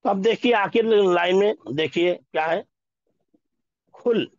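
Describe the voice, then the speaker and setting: A man teaching an Urdu lesson, sounding out each word slowly and asking questions to check that his students follow. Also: sits high, no echo, highs cut off. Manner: slow, repeats each word and asks questions. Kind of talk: classroom lesson.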